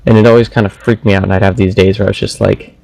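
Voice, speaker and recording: A man's voice: on the low side, little pitch movement, rapid-fire, creaky, darkish tone, dry recording, rough recording. A young man co-hosting a casual philosophy chat, rambling with lots of "like" and "you know". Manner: rambling, filler-heavy. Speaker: co-host.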